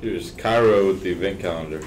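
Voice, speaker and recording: A teenage male student anchor reading scripted morning announcements for a high school. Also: brisk, a little mellow. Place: indoor school studio at a desk. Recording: roomy, distant mic, background noise.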